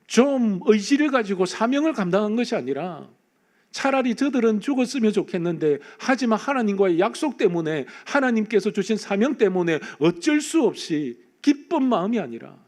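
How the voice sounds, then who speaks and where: A man's voice: high voice, sing-song, normal speed, a little mellow. A man pastor preaching a Sunday sermon in church, speaking emphatically and addressing the congregation directly. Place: church sanctuary.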